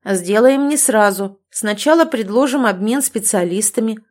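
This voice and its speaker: A woman reading the part of a calm, commanding male ruler who speaks in a level, even voice. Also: a little high, moderate pace.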